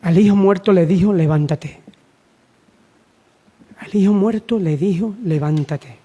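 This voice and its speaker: A man's voice: sits high, fairly even intonation, brisk, dark tone, husky, dull audio. A man from Spain preaching a sermon, urging his listeners with repeated lines and rhetorical questions. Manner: repetitive, exhortative, rhetorical questions.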